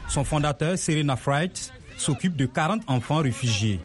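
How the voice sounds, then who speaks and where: A man narrating a scripted radio news report in a steady, formal way. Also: a little high, normal speed, a crowd in the background.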